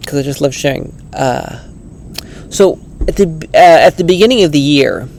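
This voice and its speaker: Male book vlogger, casual and earnest, slightly higher pitch, rambling delivery. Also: lively intonation, moderate pace, gravelly, darkish tone, slight background noise. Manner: earnest, rambling, many restarts. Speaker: book reviewer. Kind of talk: casual vlog book review.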